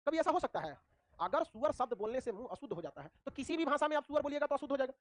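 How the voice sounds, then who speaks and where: A man's voice: extremely high pitch, sing-song, racing, no echo. A male history teacher giving a revision lecture, asking rhetorical questions and answering them himself in a casual, colloquial way.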